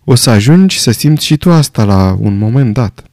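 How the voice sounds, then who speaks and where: A man's voice: mid-range voice, lively intonation, no echo, clean studio sound, natural voice. A man voicing a grave old general. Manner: grave, quiet, reflective. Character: old male army general, calm, weary, haunted.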